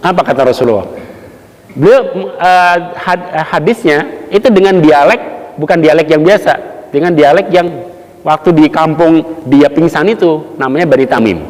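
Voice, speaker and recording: A man giving a relaxed mosque study sermon, telling stories and acting out the people he quotes. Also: a little high, normal speed. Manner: casual storytelling, acts out quotes, chuckles. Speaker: preacher. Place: mosque hall. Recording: long hall reverb.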